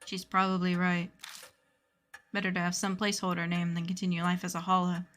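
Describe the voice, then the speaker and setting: A woman's voice: on the low side, flat delivery, very fast, a little hiss or hum. A woman playing a horror visual novel, reading the narration aloud in a dramatic way. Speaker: game player reading aloud. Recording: faint music behind the voice.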